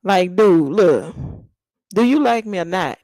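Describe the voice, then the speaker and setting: Unhurried and lively in intonation, her fairly low, darkish voice is recorded clean, studio-style, with no room sound. The young Texas streamer, whose accent leans Louisiana, chats bluntly and sassily with live viewers, laughing as she tells slangy stories.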